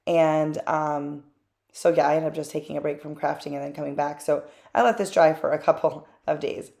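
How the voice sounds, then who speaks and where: A chatty woman narrates a voice-over of her own craft project in a slightly low, creaky, darkish voice with fairly even intonation. She speaks candidly and loosely, wandering into small asides and filling pauses with ums, like a host talking to regular viewers.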